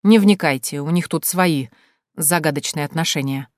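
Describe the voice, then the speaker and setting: A woman's voice: sits low, moderate pace, no room sound, close to an everyday voice. Audiobook: jokey young man, teasing, a woman reads him, dry. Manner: teasing, joking.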